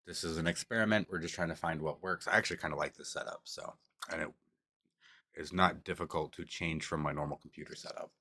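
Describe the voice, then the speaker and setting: A man's voice: rumbling low, fairly even intonation, fast talker, bright, forceful tone, slight background noise. A man casually chatting on a home livestream about tarot, rambling and loosely profane, with the camera on a table. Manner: rambling, loose and profane, talks with mouth full at times. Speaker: streamer doing tarot readings.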